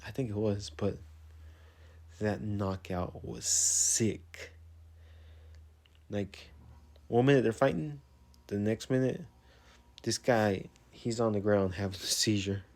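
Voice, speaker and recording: Low-voiced guy doing a chatty fight recap. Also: takes it slowly, long pauses, darkish tone. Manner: chatty and loose, lots of "like", openly fannish. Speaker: sports vlogger. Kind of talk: casual fight recap commentary.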